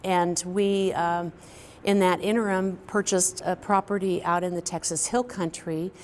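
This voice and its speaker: A middle-aged woman from Kansas, a quilt artist, talking reflectively about her work in a recorded artist talk, with pauses and fillers. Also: fairly low pitch, fairly even intonation, a little mellow, a little hiss or hum. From Kansas, US Midwest. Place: indoor studio, quilt hanging behind her.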